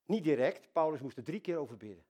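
An older man preaching a sermon, talking to God as his dad, swinging from soft intimate asides to loud excited exclamations. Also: on the high side, quick pace, husky. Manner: addresses God casually as dad.

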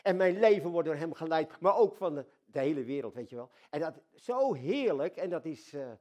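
Older Dutch-speaking man preaching with animated swings. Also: a little high, brisk. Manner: animated, swings from soft intimate asides to loud exclamations; addresses God casually as dad. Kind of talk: sermon.

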